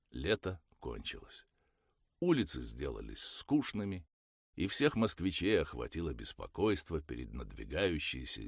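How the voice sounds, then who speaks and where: A man narrating an audiobook in an expressive, storytelling manner. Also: a bass voice, creaky, breathy edge, no echo, studio quality.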